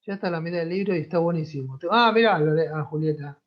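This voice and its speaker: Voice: medium pitch, quick pace. A teacher with a Rioplatense Spanish accent giving an online class in a conversational way, often checking in with the students. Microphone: computer mic on a video call. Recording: dull lo-fi video-call audio.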